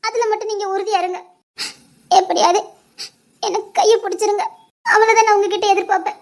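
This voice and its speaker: A woman's voice: very high-pitched, fairly even intonation, fairly quick. Woman playing a shy poor village girl in love. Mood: tender. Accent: southern Tamil Nadu. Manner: soft, bashful, pleading. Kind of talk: village romance drama acting.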